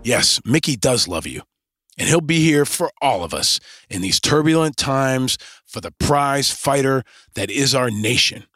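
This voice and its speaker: A man's voice: mid-range voice, lively intonation, measured pace, a bit bright, no echo, clean studio sound. A man hosting a podcast, delivering a scripted monologue in punchy, rallying lists. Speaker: podcast host.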